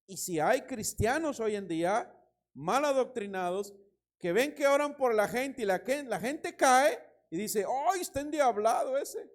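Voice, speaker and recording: A man preaching a sermon as pastor, reading scripture and telling anecdotes with lively emphasis and a Mexican Spanish accent. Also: high-pitched. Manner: animated preaching, reads scripture, tells anecdotes with laughter.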